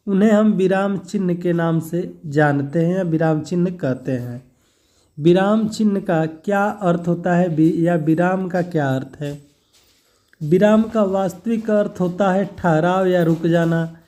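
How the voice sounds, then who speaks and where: A man's voice: high voice, mellow. A man teaching a grammar lesson for exam preparation, explaining step by step and answering his own questions.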